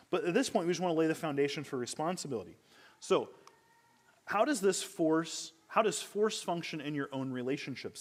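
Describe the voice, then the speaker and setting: Man, Bible teacher, church class, conversational, rhetorical questions, self-correcting, mid-range voice. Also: medium pitch.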